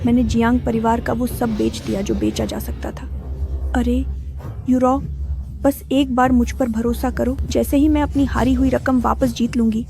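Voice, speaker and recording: A woman's voice: on the high side, expressive, moderate pace. A woman dubbing a greedy, selfish old grandmother who gambles, in a whiny, pleading way. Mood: wheedling. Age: older. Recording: dubbed dialogue over loud music.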